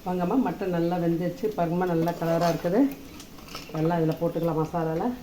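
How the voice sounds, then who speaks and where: In her kitchen, a woman shows viewers how to make a recipe, speaking a little fast in a fairly low, flat voice. She's relaxed and familiar, going over every step twice, while the roomy recording picks up sizzling from the stove.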